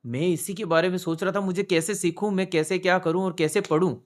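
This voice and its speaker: A man's voice: high-pitched, steady tone, fairly quick. A soldier sharing a personal faith testimony in an earnest storytelling manner, shifting his tone as he recounts conversations. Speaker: soldier giving a church testimony.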